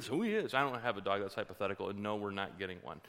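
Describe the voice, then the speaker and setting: A middle-aged man preaching a sermon as pastor, emphatic, with joking asides and climbs to shouting. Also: lowish voice, expressive, racing. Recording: reverberant hall.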